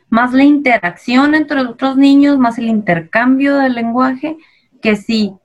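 A woman with a Mexican accent, a child language specialist, patiently explaining in an interview and posing rhetorical questions. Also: fairly high pitch. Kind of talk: expert interview answers.

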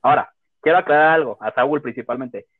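A young Mexican man casually telling a personal story, animated and full of slang and swearing. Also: mid-range voice, fairly quick, no room sound. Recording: tinny phone-like audio.

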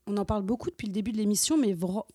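A woman's voice: mid-range voice, rapid-fire, warm tone, slightly rough, dry recording, clean studio sound. Playful, teasing woman on a podcast. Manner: playful, mock-dramatic, teasing. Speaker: podcast co-host reading listener messages. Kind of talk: casual comedy podcast banter.

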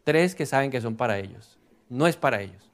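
A middle-aged man, preaching a lively sermon full of rhetorical questions. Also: mid-range voice, brisk. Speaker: pastor.

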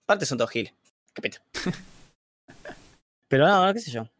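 A young man with a Rioplatense Argentine accent, talking in slangy, animated bursts on a livestream chat. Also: a little high, moderate pace, no echo. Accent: Rioplatense Spanish. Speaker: streamer guest. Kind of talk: casual chat on a stream.

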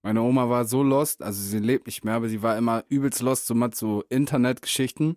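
A man's voice: mid-range voice, fairly even intonation, fairly quick, a little mellow, no room sound, clean studio sound. A young man co-hosting a podcast, talking in loose, slangy, laid-back banter. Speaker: podcast co-host. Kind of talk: casual chat.

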